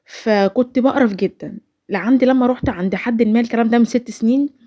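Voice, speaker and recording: Talking fast, with a fairly high pitch and a dark tone, a woman in her twenties narrates a personal story as a vlogger voice-over. She has an Egyptian Arabic accent and rambles chattily, restarting often.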